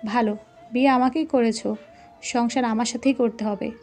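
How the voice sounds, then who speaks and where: A woman's voice: fairly high pitch, fairly even intonation, normal speed, darkish tone, soft background music, natural voice. A woman voicing a hot-tempered, jealous young husband who speaks in angry, clipped threats. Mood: furious.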